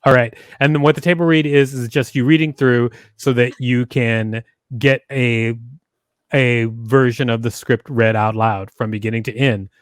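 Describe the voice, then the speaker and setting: This middle-aged podcast host explains things in a chatty, instructional manner, reworking his points as he talks. He has a medium-pitched, steady, clean-toned voice at a moderate pace, recorded dry on a close foam-covered studio mic with a headset on.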